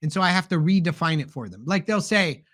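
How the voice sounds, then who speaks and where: A man's voice: on the high side, lively intonation, fast talker, a bit bright. A middle-aged man co-hosting a podcast, telling family stories in a casual chat and acting out the dialogue. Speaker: podcast co-host.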